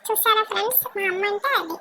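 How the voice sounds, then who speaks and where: A woman's voice: extremely high pitch, fast, background noise, pitched above the performer's own voice. A woman voicing a cheeky young male pet dog that talks to viewers like a complaining child. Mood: chatty complaining.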